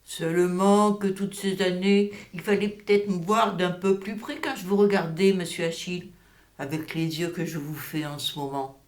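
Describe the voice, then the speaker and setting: A woman's voice: lowish voice, fairly even intonation, moderate pace, a little mellow, natural voice. A woman playing a deferential yet outspoken older woman in a theatrical comedy, wordy and rustic in phrasing. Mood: reproachful. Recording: echoey room.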